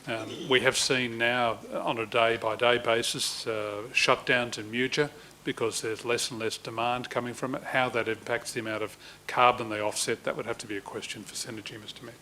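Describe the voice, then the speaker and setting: Man, council executive, formal explanations, mid pitch, faint rumble. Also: steady tone, brisk, sharp tone, low-quality recording. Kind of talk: formal briefing answers.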